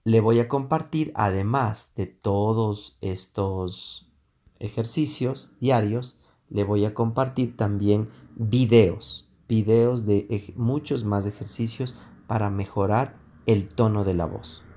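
Man, speaking coach, slow deliberate delivery, lower voice, hesitant fillers. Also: warm tone. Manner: demonstrates vocal exercises with sustained vowels. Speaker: public speaking teacher. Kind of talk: voice training lesson.

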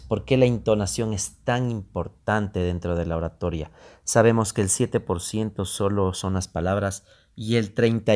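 A man giving a public speaking lesson, unhurried, repeating phrases and pausing with fillers. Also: on the low side, a little mellow. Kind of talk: instructional talk.

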